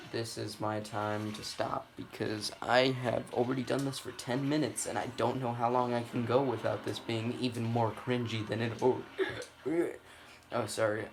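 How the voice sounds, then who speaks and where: Over a noisy background, a gaming video host with a lowish voice rambles through casual gameplay commentary. He swears freely and makes self-deprecating asides.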